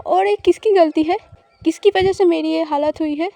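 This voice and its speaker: Woman voicing a defiant young bride, audio story, bitter protests, high voice, mellow tone. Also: moderate pace, vocal fry, no room sound. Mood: resentful. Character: hurt, defiant young woman resisting her new spouse.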